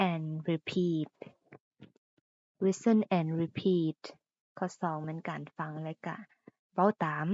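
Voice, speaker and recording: A woman from Laos teaches English slowly and patiently, with a somewhat low voice. She explains each word and then sounds it out with care. The recording is dull and lo-fi, with a dry, close sound. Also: no room sound. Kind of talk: explaining English pronunciation and vocabulary.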